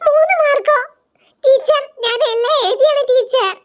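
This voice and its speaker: Panicky pleading schoolgirl, voiced by a woman, whimpering, very high voice, doll show. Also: moderate pace. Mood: worried. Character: frightened whiny young schoolgirl pupil. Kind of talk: doll-play voice acting.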